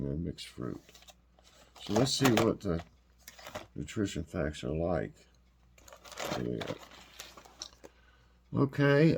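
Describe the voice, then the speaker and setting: A vlog host with a low, slightly mellow voice that sounds stuffed-up and congested runs a taste test. He chats casually and rambles in a homey way, full of fillers and restarts.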